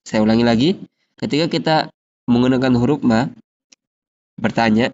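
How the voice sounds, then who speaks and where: A man leads an Arabic lesson at an average pitch. He reads the drill phrases slowly and explains them steadily. The recording sounds dull and lo-fi. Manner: slow, drawn-out drill reading of example phrases, then steady explaining. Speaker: Arabic teacher.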